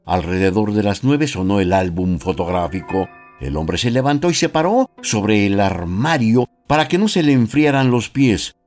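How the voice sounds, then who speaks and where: Mexican radio storyteller, low voice, bouncy up-and-down reading, slows down on the big bits. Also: male voice, faint music behind. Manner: measured, expressive, slowing for emphasis. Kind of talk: expressive storybook narration.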